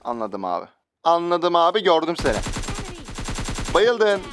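A young man giving lively, joking commentary while playing a mobile shooter, talking back at his in-game enemies. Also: fairly high pitch, a little slow, music in the background. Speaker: gaming YouTuber. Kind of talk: live gameplay commentary.

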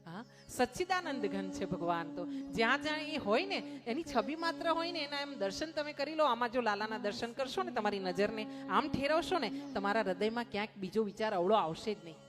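A woman preacher delivers a devotional story sermon, pressing her points home and often pausing to ask her listeners a short question. Devotional music plays clearly behind her voice. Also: a little high, lively intonation. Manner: emphatic, often checks in with "ha?". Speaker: katha preacher.

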